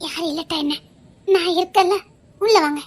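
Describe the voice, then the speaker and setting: A woman's voice: very high voice, normal speed. A woman with a Tirunelveli Tamil accent voicing a devoted young woman who soothes and coaxes. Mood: tender. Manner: coaxing, soothing, insistent. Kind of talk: amateur dramatic dialogue.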